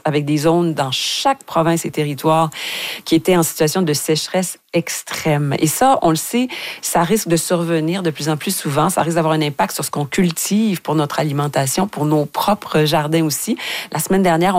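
A woman's voice: low-pitched, no echo. Woman hosting a radio interview. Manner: lively, laughs easily, teasing questions. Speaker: radio host.

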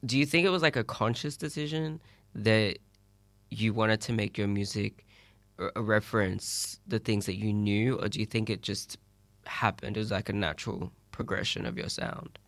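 Gravelly low-voiced male interviewer. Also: normal speed, fairly bright tone, no room sound. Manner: curious, encouraging, asks long questions. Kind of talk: interview questions.

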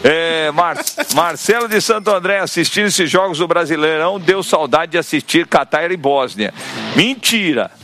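A man's voice: fairly high pitch, moderate pace, pushed and bright, faint music behind. A Brazilian man hosting a radio show with playful, colloquial banter and listener messages.

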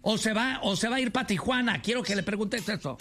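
A high-pitched man hosts a comedy radio show in a joking, theatrical way. A music bed plays under his voice. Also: animated, a little fast. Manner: joking, theatrical, laughs often. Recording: music playing behind the voice.

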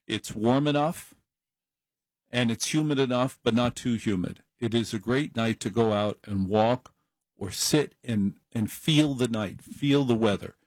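Late at night on his call-in radio show, a middle-aged host talks into a studio microphone in a rambling, chatty, self-deprecating monologue. His mid-range voice is a little slow and a little mellow. The recording is rough, with no room sound.

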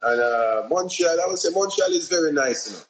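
A man's voice: fairly high pitch, animated, a little fast, low-quality recording. A man from Jamaica with a Jamaican accent, a singer talking casually in an interview, rambling with lots of "you know"s. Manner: laid-back, rambling, many "you know"s.

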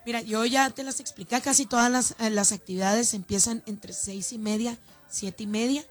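With soft music playing in the background, a guest on a radio show talks animatedly at a moderate pace in a slightly high voice. She is a festival organizer and councilwoman from Ciudad Juárez with a northern Mexican accent. Chatty and lively, she restarts her sentences many times.

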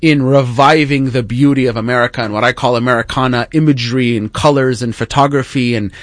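A man's voice: mid-range voice, steady tone, fast, dry recording. A man appearing as a political guest on a talk show, speaking declaratively and repeating phrases for emphasis.

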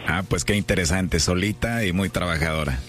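A man, flirting smoothly and teasing during a prank phone call on the radio. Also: sits low, fairly quick, over music. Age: 30s. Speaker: radio prank caller host.

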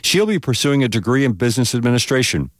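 A local radio news host and reporter reads announcements, live traffic notes and scripted reports. His medium-pitched voice is sing-song and fast, with no room sound.

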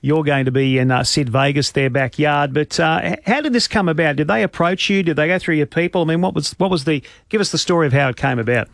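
Quick blokey aussie bloke on breakfast radio, dry close mic. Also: male voice, a little high, creaky, a bit bright, dry recording. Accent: Australian. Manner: blokey, jokey, says mate a lot.

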